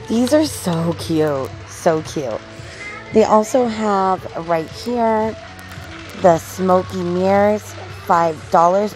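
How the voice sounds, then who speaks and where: Upbeat woman vlogger, slightly low voice, handheld phone in a store, faint background music. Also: darkish tone. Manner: chatty, upbeat, calls viewers guys. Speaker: shopping vlogger. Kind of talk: casual shop-with-me narration. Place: large retail store indoors. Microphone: handheld phone camera.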